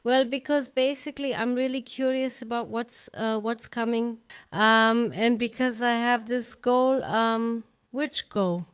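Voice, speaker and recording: A woman's voice: fairly high pitch, steady tone, unhurried, clean tone, no room sound, clean studio sound. A woman in her fifties, a guest in a conversational interview, talking reflectively with frequent ums and restarts. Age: 50s.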